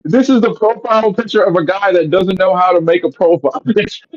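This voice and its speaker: A man's voice: high voice, fairly quick, dry recording. A man joining a casual chat over an online voice call, his mic cutting in and out, talking in an easygoing, hesitant way. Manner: easygoing, hesitant, with fillers and restarts. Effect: online voice call audio with a mic cutting in and out. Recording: dull lo-fi call audio.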